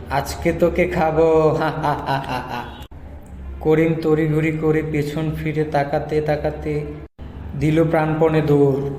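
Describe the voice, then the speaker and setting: Even-toned male storyteller in reverberant room. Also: a little high. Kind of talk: scripted story narration for a cartoon. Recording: roomy reverb, faint background noise.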